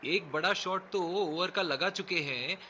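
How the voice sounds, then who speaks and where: A man's voice: high-pitched, unhurried, bright, forceful tone, some chatter behind. A man giving analytical cricket commentary on how the batting should go. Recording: very noisy background.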